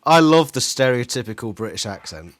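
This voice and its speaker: A man's voice: medium pitch, very animated, fairly quick. A man co-hosting a casual watch-along chat, teasing his friend and laughing easily. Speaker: co-host.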